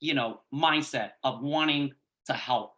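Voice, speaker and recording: A man's voice: medium pitch, measured pace, bright, forceful tone. A man moderating a panel discussion, thanking speakers in an encouraging, conversational way.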